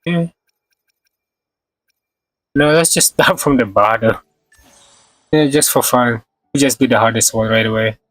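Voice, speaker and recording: During a casual gameplay livestream, this man speaks at a medium pitch and measured pace, leaving long pauses. His tone is fairly bright, there's no echo, and faint music plays behind him as he muses in short, halting bits.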